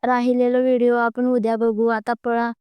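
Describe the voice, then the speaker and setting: A woman voicing a kind father who coaxes his child gently, in a storybook reading. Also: a little high, monotone, moderate pace, clear, resonant tone, no room sound, highs cut off, close to an everyday voice. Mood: affectionate. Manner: gentle, coaxing. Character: kind father, soft and affectionate.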